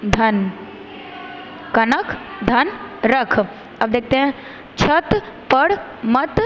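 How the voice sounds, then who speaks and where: A high-voiced woman teaches young children a grammar lesson, drawing out each sound at an unhurried pace. Faint background noise sits under her voice. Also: rough recording. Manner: slow, careful, stresses each sound.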